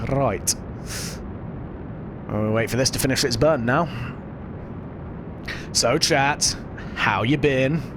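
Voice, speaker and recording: A British man from the UK, with a mid-range voice and background noise behind him, casually commentates on a game, rambling and self-deprecating as he addresses his viewers and keeps fighting a lingering cough.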